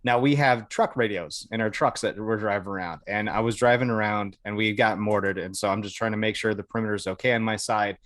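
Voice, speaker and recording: An American Air Force veteran guests on a podcast, casually telling stories in an informal style with some swearing and acted-out snippets of dialogue. His voice is fairly low and a bit bright, steady in tone, and he talks fast with hardly any pauses. There's no room sound.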